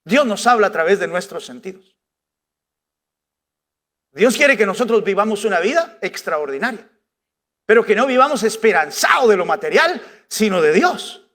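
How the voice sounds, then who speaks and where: High-voiced man preaching a sermon. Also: very animated, normal speed, long pauses, a bit bright. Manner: rhetorical questions with frequent "¿verdad?"; emphatic, conversational preaching. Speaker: pastor.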